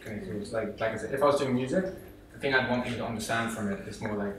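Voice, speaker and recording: A man's voice: mid-range voice, very fast, distant mic, background noise. A young man from England, a guest on a talk show, chatting casually and rambling with lots of fillers, recorded in an echoey room away from the mic. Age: young adult. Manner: relaxed, rambling, many fillers. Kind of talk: casual interview chat.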